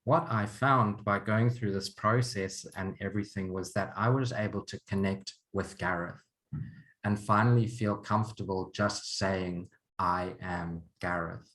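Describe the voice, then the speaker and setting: Earnest man, low voice. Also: steady tone, measured pace, fairly bright tone. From Zimbabwe. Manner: earnest, open, chuckles often. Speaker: counselor and program leader. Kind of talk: online course introduction.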